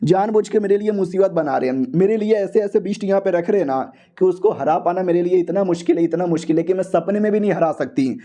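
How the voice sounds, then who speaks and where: A man's voice: sits high, fast, hardly any pauses, dark tone, close to an everyday voice. A man voicing a young noble heiress who pleads and complains in a whiny way. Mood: complaining.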